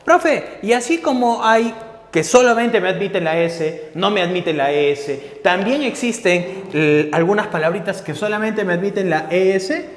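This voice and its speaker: An eager student fires quick questions at the teacher in a high, bouncing voice, as a man puts him on. The sound rings with a long, roomy reverb. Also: lively intonation. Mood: curious. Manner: asks quick, curious questions. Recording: echoey room with long reverb.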